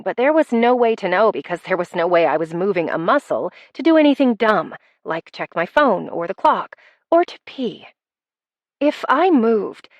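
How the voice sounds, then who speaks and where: A woman narrating a first-person romance audiobook, telling it in a wry, conversational way at a middle pitch. She is recorded close on the mic in a dry space with no echo.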